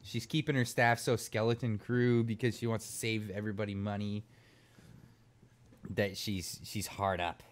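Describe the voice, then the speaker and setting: A man's voice: fairly low pitch, flat delivery, moderate pace. A man co-hosting a live stream show, teasing and laughing through casual banter.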